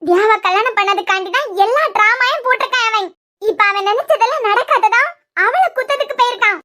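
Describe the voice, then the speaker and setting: A woman's voice: very high voice, quick pace, sharp tone. A woman voicing a bitter, scheming old grandmother in a cartoon serial, with a Kanyakumari Tamil accent.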